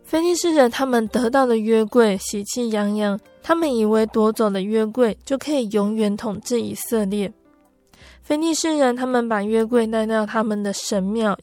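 For a podcast, a woman with a voice on the high side narrates a Bible story. She tells it gently and unhurriedly, using soft filler particles.

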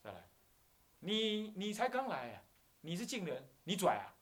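A man's voice: high voice, huge pitch swings, moderate pace, a bit bright, exaggerated voice. A man doing a blustering, arrogant elder. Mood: haughty. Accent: Taiwanese Mandarin. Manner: blustering, table-pounding. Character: arrogant senior man scolding a newcomer.

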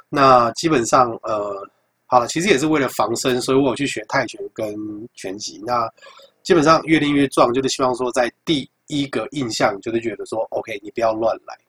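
A young man with a Taiwanese Mandarin accent, hosting a podcast and telling a story in a casual, animated, profane way, acting out the dialogue. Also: medium pitch, husky. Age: young adult. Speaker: podcast host.

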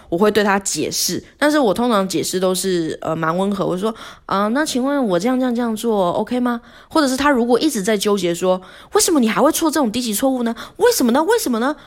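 A woman telling a work story in a casual solo podcast, animated and rambling, with rhetorical questions. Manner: animated storytelling, acting out quotes in a higher voice. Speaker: podcast host.

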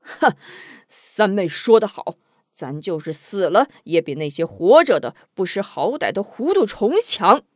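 A woman reading a story, voicing a rough male outlaw who shouts and scoffs. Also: high voice, big pitch swings, brisk, hardly any pauses, no echo, studio quality. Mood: scornful. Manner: shouting, scornful. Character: brash rough male outlaw, loud and scornful.

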